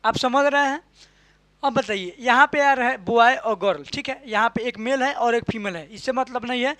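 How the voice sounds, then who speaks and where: High-voiced man teaching grammar, dry sound. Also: normal speed, no room sound. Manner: asks and answers his own questions, repeats key terms; ends points with a soft "ठीक है". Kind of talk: classroom lesson explaining in Hindi.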